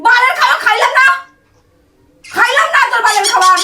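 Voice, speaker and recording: A woman's voice: extremely high pitch, animated, fairly quick, heavy background noise. A woman in a heated domestic quarrel, scolding her husband furiously, cursing and threatening him. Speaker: wife in a couple vlog.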